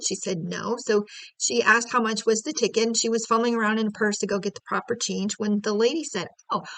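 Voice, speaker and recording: A woman's voice: mid-range voice, a bit bright, no room sound, low-quality recording. A woman from the United States telling a family story in a casual, chatty way, acting out conversations with small laughs between phrases.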